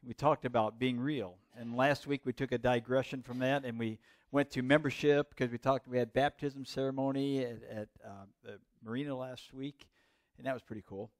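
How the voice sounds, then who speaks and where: A man's voice: medium pitch, steady tone, normal speed, no room sound. A man with an Upper Midwest American accent preaching a sermon in a casual, rambling, conversational way. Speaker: pastor.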